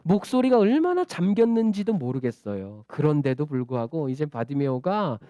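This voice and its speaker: Animated man telling a children's sermon. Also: on the high side, moderate pace, dry recording, highs cut off. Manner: animated, asking the children questions. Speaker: children's ministry preacher.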